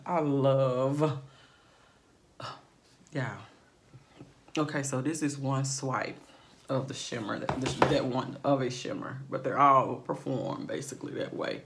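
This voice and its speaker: With a rumbling low voice still slightly raspy from the morning, this woman, a beauty vlogger, chats her way through a makeup tutorial. She scatters fillers throughout and keeps turning aside to address her viewers.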